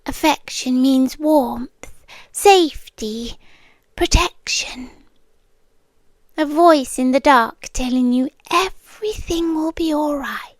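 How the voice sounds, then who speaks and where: This British woman's high voice carries no echo as she voices a possessive, softly menacing yandere girlfriend for an intimate ASMR roleplay, right up against the microphone. Here she sounds soothing and coaxing, mostly whispering and pausing deliberately.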